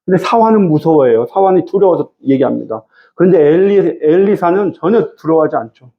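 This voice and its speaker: A man's voice: a little high, expressive, brisk, narrow, tinny audio. A male pastor preaching a Wednesday evening sermon, teaching verse by verse and speaking directly to the congregation. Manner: conversational, addresses the congregation directly.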